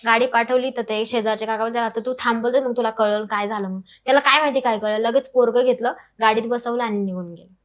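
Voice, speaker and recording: Young woman, rapid emotional life story, somewhat high voice. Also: steady tone. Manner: fast, emotional, acts out quoted family members. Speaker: guest telling her life story.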